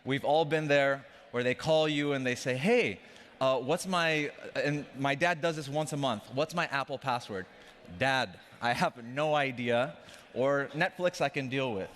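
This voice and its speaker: On stage in a large conference hall, a young Afghan company CEO gives a casual, joking talk, addressing the crowd directly. His medium-pitched, slightly bright voice runs a little slow, and the stage mic feeds it into a long hall reverb.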